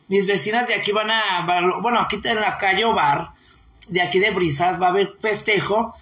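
A Mexican woman hosts a casual live stream and reads viewer comments aloud. She rambles playfully and giggles, salting her talk with crude local slang. Her voice is bright and a bit sharp, with a roomy echo around it. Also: mid-range voice, moderate pace. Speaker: online streamer.

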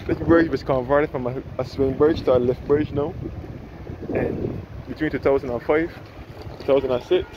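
Out on a sunny harbour boardwalk, a man rambles through a casual walking-tour narration, frequently correcting himself as he guides. His mid-pitched voice holds a fairly even intonation at a moderate pace, and the windy outdoor recording sounds muffled.

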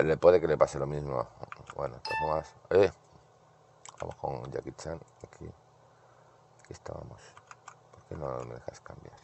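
Male streamer, very low gravelly voice, mutters to himself through retro arcade play. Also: darkish tone, slight background noise. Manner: muttering, talks to himself while playing. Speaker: gaming streamer. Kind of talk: casual gameplay commentary.

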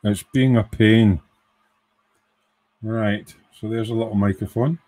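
Slow and steady, this man speaks in a lowish, dark voice. He's doing a relaxed live build of an electronics kit at a home workshop bench, counting pieces and reasoning out loud.

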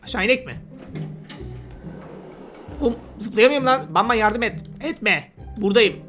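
Male let's-player, high bright voice, chatty and teasing, banters with on-screen creatures over soft music. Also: expressive, a little slow. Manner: chatty, teasing, talks to game characters. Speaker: gameplay commentator. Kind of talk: casual let's-play commentary.

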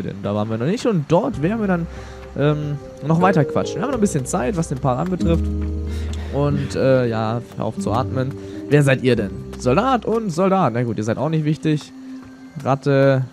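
Lively young man rambling over a game. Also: a little high, normal speed. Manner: slangy, rambling, thinking aloud. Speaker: let's player. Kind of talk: casual gameplay commentary. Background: game music.

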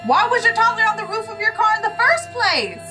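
An American woman in her thirties giving casual, blunt, expressive reaction commentary as a host. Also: very high-pitched, a little fast, over music. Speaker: host reacting to meme clips.

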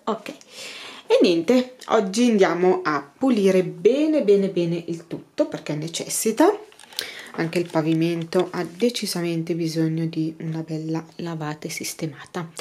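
A woman in her thirties giving a casual, chatty tour of her daughter's bedroom, filling pauses with hesitations. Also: on the low side, dark tone. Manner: chatty, hesitant with many fillers. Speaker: home cleaning vlogger. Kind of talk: casual room tour narration. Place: child's bedroom at home.

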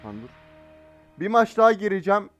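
Excitable joking male gamer, high-pitched. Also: brisk, no echo, lo-fi sound, soft background music. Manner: excitable, teasing slang-filled banter. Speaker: mobile game streamer. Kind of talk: live gameplay commentary. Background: faint game gunfire.

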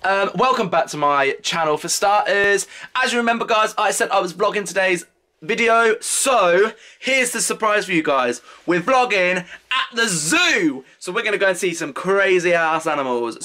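A young British man vlogging casually to a handheld camera and chatting with companions, excitable and given to exclaiming. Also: high-pitched, moderate pace, dry recording. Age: young adult. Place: on the move, mostly outdoors at a zoo. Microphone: handheld camera at arm's length. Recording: handheld camera vlog with clear background noise.

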